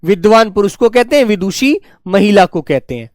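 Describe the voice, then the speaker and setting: A male teacher giving a spelling class, dictating words slowly and repeating each one, talking to pupils in a fatherly way. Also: sits high, animated, a little mellow, no room sound, clean studio sound. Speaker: Hindi teacher.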